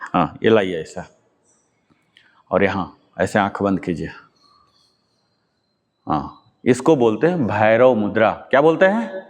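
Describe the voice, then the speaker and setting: A man's voice: lowish voice, expressive, takes it slowly, pauses often. A man leading a yoga class, giving patient step-by-step instructions and quizzing his students. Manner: patient, repeats key words and quizzes students. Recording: long hall reverb.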